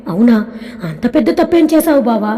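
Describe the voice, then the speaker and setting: A woman voicing an innocent, affectionate young wife who talks gently and pleadingly. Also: fairly high pitch, sing-song, a little fast. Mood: tender. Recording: long reverb.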